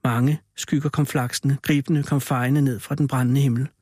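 A man's voice: medium pitch, flat delivery, a little mellow, slightly rough, dry recording, clean studio sound, natural voice. A man voicing a male ape who tells a spooky story with dramatic, theatrical reading.

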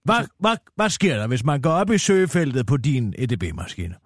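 A man's voice: medium pitch, big pitch swings, slightly rough, no echo, clean studio sound. A man playing a brazen, self-important female radio news anchor in satirical comedy, with a needling, theatrical manner. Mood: needling, mocking.

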